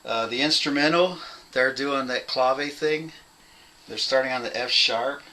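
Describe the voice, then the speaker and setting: A young man casually teaching a bass part at home, rambling, apologizing and laughing at himself as he counts out beats. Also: unhurried, pushed and bright, poor audio. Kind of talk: casual home video lesson.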